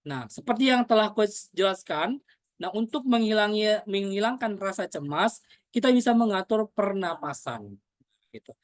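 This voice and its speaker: A woman explains public speaking technique in a relaxed, filler-heavy teaching voice, peppering her phrases with "nah" and "eh". She stops to act out example sentences and to ask questions in the name of "Coach". Her voice sits mid-range and sounds close and dry, with no room echo. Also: mid-range voice, moderate pace. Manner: demonstrates example lines aloud; poses questions to herself as "Coach". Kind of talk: spoken training lesson.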